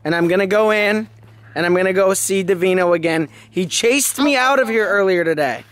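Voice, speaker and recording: A young man, a family vlogger, talks excitedly to the camera in a backyard chicken coop. He is playful and animated and keeps calling the viewers guys. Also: sits high, brisk. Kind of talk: excited vlog talk to camera. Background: background music.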